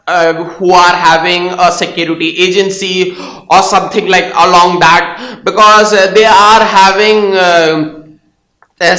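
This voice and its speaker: A young Indian man, whose first language is Hindi or Tamil, hosts a casual tech explainer in Indian-accented English. His high-pitched voice sounds pushed and bright, and he speaks hesitantly with lots of fillers and restarts in an echoey room.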